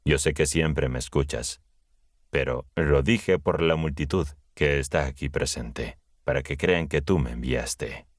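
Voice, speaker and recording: Man narrator voicing Jesus: grave, measured, very low voice, dry read. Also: no room sound. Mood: solemn. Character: Jesus, a calm, authoritative grown man teacher. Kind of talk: scripted Bible audiobook reading.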